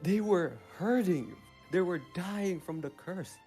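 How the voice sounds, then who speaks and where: A man playing a bitter, defiant villain in a tabletop game, delivering a slow theatrical monologue with heavy pauses. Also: high voice, animated, warm tone, soft background music. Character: bitter defiant villain justifying killing loved ones. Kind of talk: tabletop role-play monologue.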